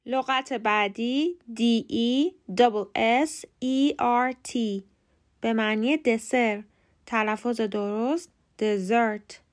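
A woman hosting a short podcast lesson on English pronunciation, reading from a script and slowly spelling words out letter by letter; her first language is Persian. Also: fairly high pitch.

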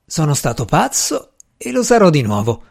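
A man voicing a mad, unkempt male magician who speaks in a slow, hushed, menacing whisper. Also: fairly high pitch, huge pitch swings, gravelly, full character voice. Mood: intense.

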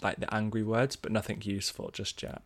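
Male co-host from Wales, northern English accent, boyish and teasing, slightly low voice. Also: flat delivery, fairly quick. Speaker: podcast co-host. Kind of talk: casual chat.

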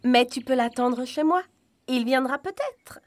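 A woman voicing a kindly old woman in a storybook, speaking gently and welcomingly. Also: sits high, measured pace, pitched above the performer's own voice. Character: kindly old woman at her flower cottage.

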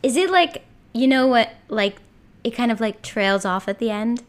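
A woman hosting a casual chat over a video call, bubbly and quick to giggle. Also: fairly high pitch, animated. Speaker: podcast host.

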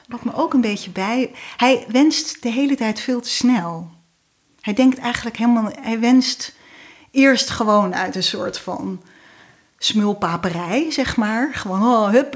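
A woman guest telling a fairy tale in a relaxed, hesitant way with many fillers. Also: fairly high pitch, slow. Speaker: guest storyteller.

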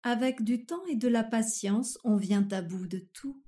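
An actress playing a slow, overly formal woman who never understands the question, in a surreal comic dialogue. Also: fairly high pitch, mellow, lightly acted. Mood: overly polite. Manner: formal, deliberate, fussy politeness.

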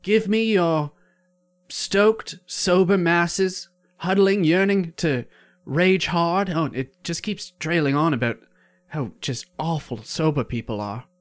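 Speaking slowly in a slightly high voice, an improv comedian plays a loyal young squire who has had a bit to drink. His archaic, ornate lines are dotted with hesitant fillers.

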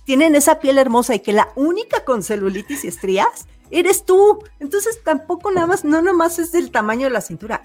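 A woman hosting an interview, chatty and lively, building up long questions for her guest. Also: fairly high pitch. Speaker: interview host. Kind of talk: casual interview talk.

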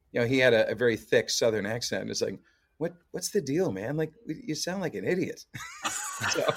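Laid-back canadian-raised guy, kinda low voice, lots of uhs and laughs. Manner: easygoing, laughs often, many fillers and restarts. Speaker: guest musician. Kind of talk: casual interview chat.

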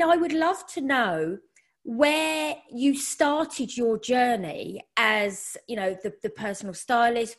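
A woman hosting a podcast interview, enthusiastic and upbeat, from the UK. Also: on the high side. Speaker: podcast host.

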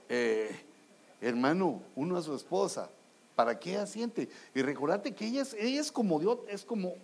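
A man's voice: high voice, gravelly, a little hiss or hum. A man preaching a humorous sermon, joking and acting out little scenes as he talks to the congregation. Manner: addresses the congregation as brothers.

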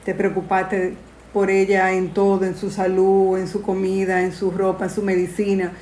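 A woman host, gently comforting her guest. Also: medium pitch, monotone, moderate pace, roomy sound, a little hiss or hum. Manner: gentle and reassuring. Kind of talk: comforting interview talk.

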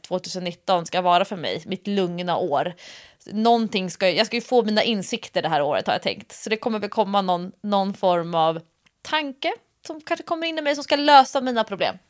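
A woman co-hosting a casual chat, thinking aloud in a reflective, hesitant way with many fillers. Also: medium pitch. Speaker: podcast co-host.

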